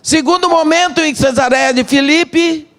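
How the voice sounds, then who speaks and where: A middle-aged woman with a Brazilian Portuguese accent, preaching a sermon as a missionary and telling the story dramatically in short, measured phrases. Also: high voice.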